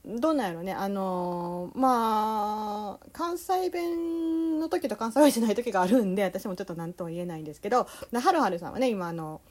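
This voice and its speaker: A young woman with a Kansai accent hosting a relaxed solo talk show, meandering along with plenty of fillers. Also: mid-range voice, fairly quick. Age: young adult. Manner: easygoing, meandering, full of fillers. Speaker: podcast host.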